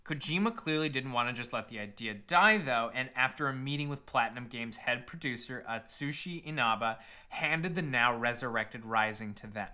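Bright-voiced man hosting a podcast. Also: mid-range voice, lively intonation, moderate pace, hardly any pauses, clean tone. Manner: profane, irreverent, emphatic. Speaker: podcast host. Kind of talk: podcast storytelling, part scripted, part casual.

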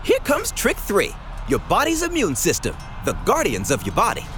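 A woman's voice: medium pitch, wildly swooping pitch, moderate pace, a bit bright, faint music behind. A woman playing an upbeat young medical superhero who explains things eagerly in an educational cartoon. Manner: enthusiastic, explanatory.

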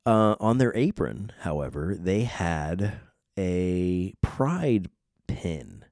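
A man's voice: low-pitched, sing-song, drawn-out words, darkish tone, no room sound, clean studio sound. A man from Southern California with a Southern Californian accent, rambling wryly through a casual podcast monologue and repeating phrases. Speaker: podcast host.

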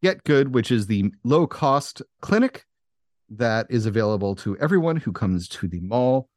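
A man narrating a tabletop game as game master, setting scenes in a dramatic, deliberate way. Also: medium pitch, lively intonation, a little mellow, no room sound, clean studio sound.

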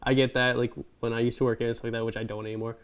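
A man's voice: medium pitch, level tone, racing, smooth. A young man co-hosting a casual movie podcast, rambling and joking and acting out lines he quotes. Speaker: podcast co-host.

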